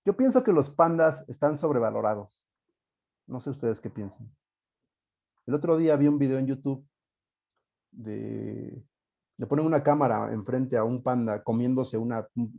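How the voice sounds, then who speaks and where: Mellow Mexican man teaching an online class. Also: mid-range voice, gravelly. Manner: casual, thinking aloud with many fillers and joking asides. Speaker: university teacher. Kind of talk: live online class lecture.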